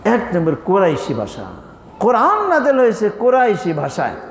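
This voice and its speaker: A man preaching a sermon, animated and full of rhetorical questions, often mimicking regional speech. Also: high voice, normal speed. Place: mosque or religious lodge hall. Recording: echoey hall with faint noise.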